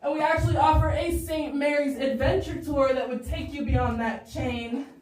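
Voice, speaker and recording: A woman tour guide addresses a group inside an underground cavern whose hard rock walls throw back a strong echo. Her voice is high and a little mellow, moving at a moderate pace. The mic is distant, and the recording picks up cave echo and faint noise.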